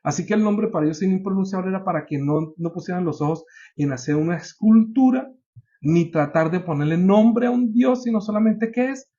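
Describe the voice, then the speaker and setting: A man preaching a sermon, climbing to high emphatic peaks and putting questions to his congregation. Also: a little fast, mellow, highs cut off.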